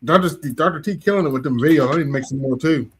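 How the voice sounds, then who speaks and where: A man's voice: a little high, racing, music in the background. A man hosting a casual chat, making joking commentary in a rambling, playful way. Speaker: talk show host.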